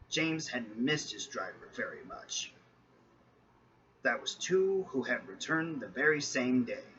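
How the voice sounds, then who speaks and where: Slow, lively male storyteller. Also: mid-range voice, lo-fi sound, slight background noise. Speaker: narrator. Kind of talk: storybook narration.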